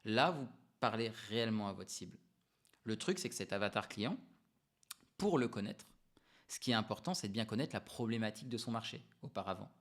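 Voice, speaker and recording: A man coaching entrepreneurs to camera in a relaxed, unscripted way, explaining ideas with emphatic repetitions and frequent hesitations. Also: on the low side, brisk. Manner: frequent hesitations and self-corrections. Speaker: business coach.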